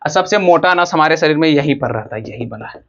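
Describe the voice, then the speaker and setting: A man's voice: fairly high pitch, animated, a little fast, fairly bright tone, dull audio. A man teaching a school biology lesson, drawing as he explains. He asks the class questions and answers them himself, repeating the key words. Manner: drawing on a board while explaining. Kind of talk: classroom lesson on heart and blood flow.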